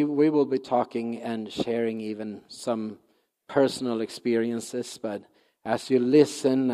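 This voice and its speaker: A man in his sixties from Sweden with a Swedish accent, speaking as a guest missionary at church in a halting, earnest way full of fillers and restarts. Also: lowish voice, dark tone. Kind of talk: church talk. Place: church sanctuary. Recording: long reverb of a large hall.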